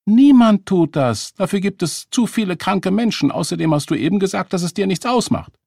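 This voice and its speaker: A man voicing a quick-tempered single mother on a date, with flustered, snapping retorts. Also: mid-range voice, animated, vocal fry, darkish tone, dry recording, clean studio sound, pitched above the performer's own voice. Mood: indignant.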